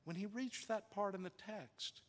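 A male pastor telling a story in a sermon, dramatic, with hushed drops and shifting pace. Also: sits high, unhurried, big-room sound. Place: church sanctuary.

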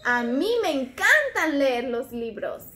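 Mujer haciendo una maestra títere dulce. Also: female voice, high voice, big pitch swings, slow pace, sharp tone, exaggerated voice. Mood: sweet. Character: warm friendly female teacher puppet.

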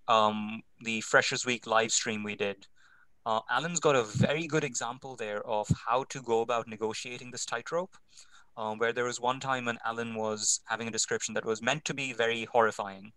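A man's voice: medium pitch, steady tone, moderate pace, pushed and bright, no room sound, poor audio. A man speaking on an online panel, explaining step by step with frequent ums. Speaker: panel speaker on game mastering. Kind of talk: casual explanatory panel talk.

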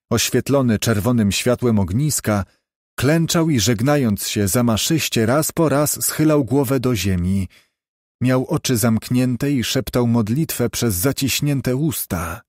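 Mid-pitched male audiobook narrator, steady measured read, dry close sound. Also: no room sound. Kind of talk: scripted narration.

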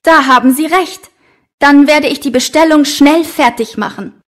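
Woman acting as office assistant, very high voice, careful and deferential, lesson dialogue. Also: normal speed, close to an everyday voice. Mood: dutiful. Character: dutiful female office assistant. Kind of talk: scripted language-lesson dialogue.

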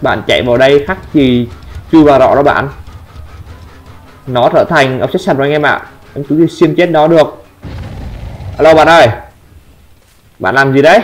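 A Vietnamese-accented man commenting on his own gameplay, taunting opponents and breaking into excited shouts. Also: a little high. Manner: trash-talking, taunting, sudden excited shouts. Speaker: gameplay streamer.

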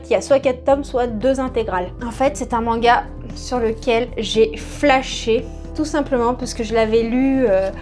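A woman's voice: fairly high pitch, darkish tone. A woman in her thirties casually presenting her new manga at home, chatty and full of hesitations. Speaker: book vlogger. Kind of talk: casual manga haul vlog. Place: home room in front of a bookshelf. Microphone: camera in front at mid-shot.

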